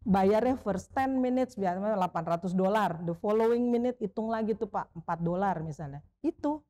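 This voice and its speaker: A middle-aged woman, a veteran sports broadcaster telling stories in a casual interview. She talks in an animated way, acts out the voices of people she quotes, and keeps adding a polite "Pak" for the man she is talking to. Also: medium pitch, moderate pace.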